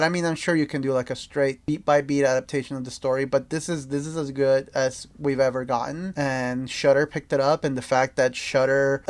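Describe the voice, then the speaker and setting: A man's voice: mid-range voice, dry recording. A young man from El Salvador co-hosting a film podcast, chatting enthusiastically and rambling with lots of fillers. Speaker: podcast co-host. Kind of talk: casual film chat.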